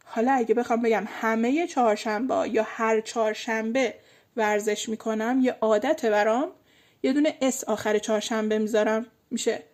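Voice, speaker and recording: A woman gives an online English vocabulary lesson. She explains in quick bursts, then says each English example slowly and clearly. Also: on the high side, a little mellow. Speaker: English teacher.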